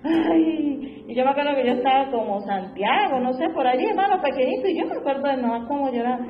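Woman, fervent sermon, repeated refrains, higher voice, echoey room. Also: animated, brisk. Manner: fervent, repeats "hermano" and "gloria al Señor". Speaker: preacher. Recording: echoey room, dull lo-fi sound, faint music behind.

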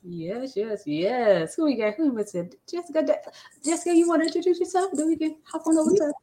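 A woman's voice: high voice, brisk, dark tone. A woman business coach co-hosting a casual chat, enthusiastic and affirming.

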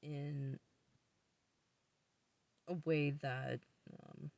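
A man's voice: fairly high pitch, little pitch movement, drawn-out words, creaky, a little mellow, dry recording, distant mic. A man co-hosting a casual podcast, speaking in a hesitant, thoughtful way with many fillers. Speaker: podcast co-host. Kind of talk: casual chat.

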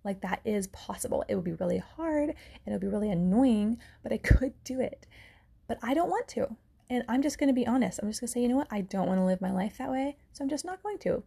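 A woman, hosting a casual solo podcast in an earnest, reflective way with soft laughs. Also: fairly high pitch, animated, fast talker, vocal fry, slightly rough. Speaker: podcast host and author.

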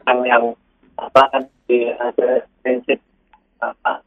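A man, a guest analyst, joins by remote call. His audio is choppy and half-robotic, and he talks haltingly as he searches for words. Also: medium pitch, completely flat delivery. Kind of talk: call-in commentary. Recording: tinny dry phone line.

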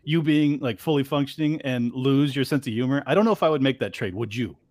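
A man's voice: mid-range voice, fairly quick, dry recording, clean studio sound. A man hosting a casual podcast, joking and asking questions in crude banter. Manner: animated, joking, asks questions. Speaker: podcast host.

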